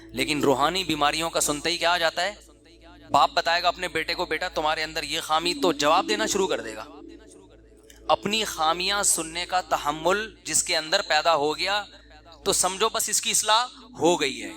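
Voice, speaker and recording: Bright high-voiced man preaching. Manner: conversational preaching with acted quotes of everyday people. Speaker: Islamic preacher. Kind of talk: sermon.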